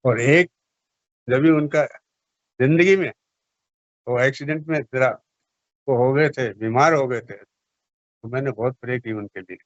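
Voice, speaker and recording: Brief: man from Rajasthan, chatty fan guest, mid pitch, dry lo-fi recording. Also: measured pace, long pauses, no room sound. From Rajasthan, India. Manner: eager fan, slips into film star impressions. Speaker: interview guest, celebrity lookalike fan. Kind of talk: casual interview chat.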